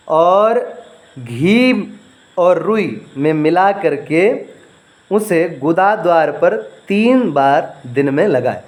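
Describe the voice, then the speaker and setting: A man teaching home remedies, dictating ingredient lists slowly and repeating and spelling out words for listeners to write down. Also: a little high, darkish tone. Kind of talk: instructional home-remedy talk.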